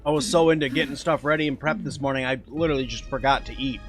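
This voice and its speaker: A man's voice: mid-range voice, fairly even intonation, fast, soft background music. A man streaming a game live, talking casually as he plays and answering chat. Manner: chatty, answers chat while playing. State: eating while talking at times.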